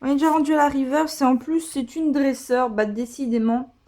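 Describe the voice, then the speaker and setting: A woman with a high, darkish voice talks briskly in a steady tone. She opens trading card packs for her vlog, offering casual commentary, fawning over the cards she pulls, with lots of filler words.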